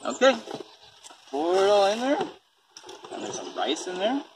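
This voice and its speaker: His voice sits high with huge pitch swings, and he speaks unhurriedly while reading a picture book to a small child. He chats casually, giving simple explanations and asking questions about composting like a parent. The sound is distant, with faint noise in the background.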